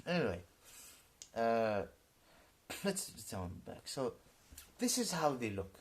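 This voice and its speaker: In a ranting YouTube monologue, a man around forty speaks haltingly and repeats himself, lurching from shouted outbursts to low muttering. His delivery has a sing-song quality, and the recording is very noisy.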